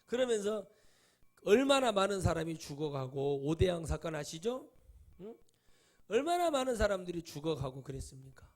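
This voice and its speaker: Middle-aged male pastor, higher voice, animated preacher firing rhetorical questions. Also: normal speed. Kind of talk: sermon.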